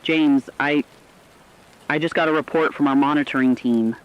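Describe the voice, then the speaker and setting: A man with a fairly high, steady-toned voice, lightly acted and at normal speed, plays an alarmed, earnest radio news correspondent. He delivers scripted news seriously, articulately and emphatically, and the audio has a dull, lo-fi radio quality.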